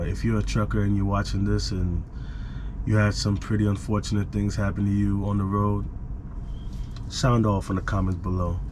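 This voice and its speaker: A man with a lowish voice tells a story casually over a noisy background, repeating phrases for emphasis. He's a truck driver who vlogs about his work, and the clip was captured on an action camera microphone.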